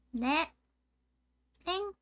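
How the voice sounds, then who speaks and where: Woman reading a game's story aloud. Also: sits high. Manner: reads narration in a steady storytelling voice. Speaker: game streamer. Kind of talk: let's-play reading game text aloud.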